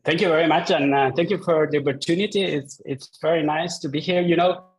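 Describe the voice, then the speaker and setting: A man's voice: a little high, fairly even intonation, a little fast, poor audio. A man in his thirties from Chile with a Chilean accent, a Spanish speaker talking in English as the guest of an interview, polite and hesitant with many fillers. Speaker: guest researcher. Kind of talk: casual interview chat.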